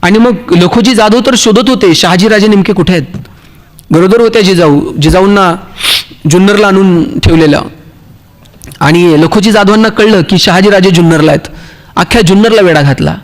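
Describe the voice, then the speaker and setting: A man's voice: high voice, moderate pace. A man with a Marathi accent giving a motivational speech, telling humorous stories and acting out the dialogue for his audience. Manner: storytelling, acts out dialogue, jokes with the audience. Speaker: motivational speaker.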